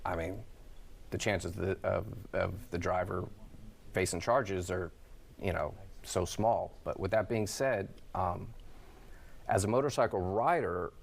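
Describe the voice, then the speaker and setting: Deep creaky guy being interviewed as a safety expert, measured n a bit halting. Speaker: motorcycle safety advocate guest. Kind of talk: interview commentary.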